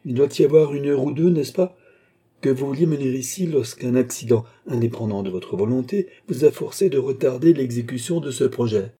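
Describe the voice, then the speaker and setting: A composed, quietly mocking count who plays the all-knowing seer, read by a man. His courtesy is smooth and unhurried, with a dark, husky timbre lifted a few steps above plain narration. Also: medium pitch, voice pushed up, close to an everyday voice. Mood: calm, ironic. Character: calm, mysterious count who claims to be a seer. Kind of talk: audiobook character reading.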